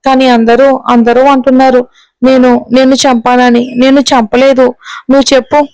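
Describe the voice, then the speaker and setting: Woman reading childlike troubled auntie, innocent and pleading, fairly high voice, flat pitch, smooth tone, audio story. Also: normal speed, no room sound, poor audio. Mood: tearful pleading. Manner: innocent, then pleading and tearful. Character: childlike troubled middle-aged woman in a hospital.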